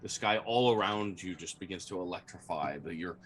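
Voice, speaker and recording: A man's voice: low-pitched, fairly quick, slight background noise. A man acting as game master, improvising narration for a tabletop role-playing game.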